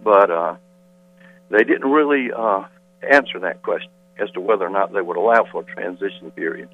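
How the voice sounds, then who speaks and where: A man speaks over a thin, tinny telephone line with a faint mains hum behind him. His voice sits low and a little husky, and he sounds slightly out of breath. He stays firm and insistent as he rebuts claims one point after another. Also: moderate pace, no room sound. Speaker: school board member calling in as guest. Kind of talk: phone-in radio interview. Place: quiet hallway off a meeting.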